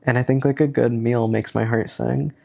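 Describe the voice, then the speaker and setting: In a steady, moderately paced voice that's mid-range, creaky, and mellow, a young man with a cold talks through a self-help worksheet for his vlog. His nasal, stuffy delivery is rambling and hesitant, full of fillers, in an easygoing chat.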